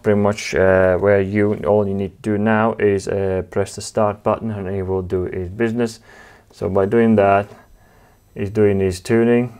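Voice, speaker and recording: Low-voiced man explaining drive setup. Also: darkish tone. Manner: halting, many fillers and restarts, informal. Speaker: channel host demonstrating equipment. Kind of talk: casual technical demonstration.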